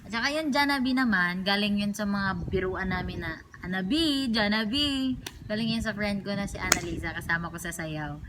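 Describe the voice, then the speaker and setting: A young woman from the Philippines whose first language is Cebuano, chatting playfully in a vlog with a deep voice for a woman. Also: normal speed, background noise. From Cagayan de Oro, Philippines. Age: young adult. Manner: chatty and playful, mixing Tagalog and English. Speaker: vlogger. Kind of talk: casual vlog chat.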